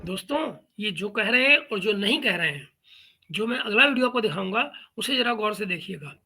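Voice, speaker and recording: A man hosts a reaction commentary show and talks back at the clips he plays. His voice is very bright and sharp, and his tone stays mocking and sarcastic. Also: high voice, animated, fairly quick, husky. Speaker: YouTube commentary host.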